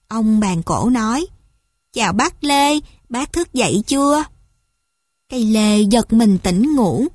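A woman gently reading children's stories aloud as a storyteller. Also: a little high, no echo, clean studio sound.

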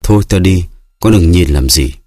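A man voicing a calm father urging his son away, in an audiobook reading. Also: deep voice, normal speed, dry recording, studio quality.

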